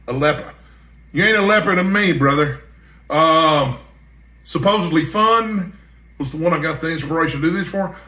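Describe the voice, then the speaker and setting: An American man with a somewhat high, sharp voice chats casually to the camera as a book vlogger, folksy and rambling. He's in an indoor room at home, and the recording sounds echoey and roomy.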